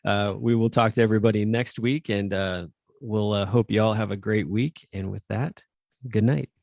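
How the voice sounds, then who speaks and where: A man co-hosting a relaxed chat show, telling stories in a loose, rambling way. His voice sits low with a gravelly edge. The sound is dry and close to the mic. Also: moderate pace, dry recording. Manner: rambling storyteller, many fillers and restarts. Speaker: podcast co-host. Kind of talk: casual chat.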